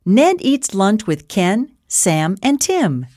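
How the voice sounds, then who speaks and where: Female storybook reader, unhurried and clearly spoken, lots of melody in the voice. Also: medium pitch. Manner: slow, clear, expressive reading. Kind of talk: children's storybook reading.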